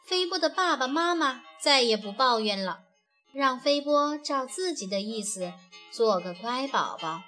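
A woman narrates a children's story in a gentle, expressive way, speaking slowly in a high voice. Faint music plays behind her.

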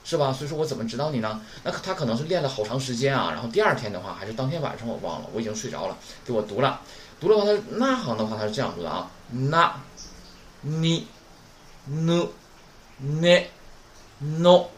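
A man teaching a recorded Japanese lesson. He keeps asking rhetorical questions and models pronunciation slowly and clearly. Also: medium pitch, big pitch swings. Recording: roomy with faint background noise.

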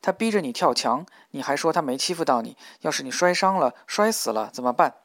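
Tender protective young man, read by a man, audiobook, hushed and earnest, dry close sound. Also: a little high, lively intonation, fairly quick, dry recording.

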